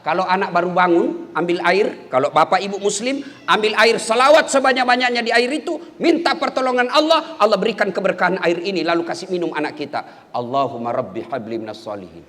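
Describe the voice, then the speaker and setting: A man preaching a sermon at an event, animated, leaping up to high emphatic calls. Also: fast, few pauses, big-room sound. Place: event hall with an audience.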